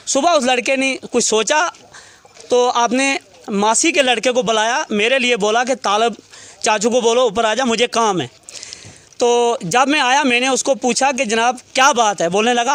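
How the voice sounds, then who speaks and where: A man's voice: very high voice, a bit bright, no room sound. A man, a relative of a murder victim, recounting events to a reporter in detail and quoting what each person said.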